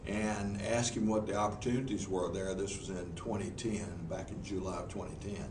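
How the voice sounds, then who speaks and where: A man whose voice sits low, with a level tone and moderate pace, answers interview questions in a Southern US accent before a group in a meeting room. A professional speaker, he's folksy and earnest and restarts frequently. The audio is echoey and noisy, with the mic well away from him.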